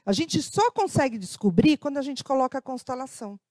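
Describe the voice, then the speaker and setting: A middle-aged Brazilian educator with a Brazilian Portuguese accent speaks as a guest lecturer, sharing personal anecdotes in a conversational way, often adding tag questions and acting out quoted dialogue. Her voice sits high and a little mellow with lively intonation and a slightly fast pace, in a dry, clean studio recording.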